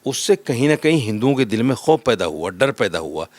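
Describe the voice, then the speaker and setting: A man's voice: medium pitch, big pitch swings, brisk. A man being interviewed, arguing his points emphatically in a heated debate and listing them one after another. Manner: argumentative, emphatic, lists points.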